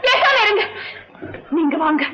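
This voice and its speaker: Meek, devoted young nurse. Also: female voice, extremely high pitch, big pitch swings, measured pace, heavy background noise, exaggerated voice. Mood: urgent. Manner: pleading, soft, respectful. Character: devoted, humble young nurse caring for a patient. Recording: dull lo-fi old film soundtrack.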